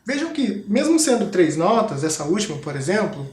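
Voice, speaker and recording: A man's voice: high voice, sing-song, moderate pace, reverberant, loud music behind the voice. A Brazilian Portuguese-speaking man teaching a school rhythm lesson, explaining patiently and demonstrating body percussion.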